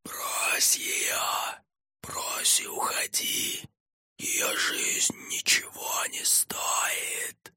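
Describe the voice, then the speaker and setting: A man voicing a whispering disembodied spirit that urges betrayal, in a hushed, breathy, insistent whispered role-play. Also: very slow, dry recording, heavily acted. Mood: urging.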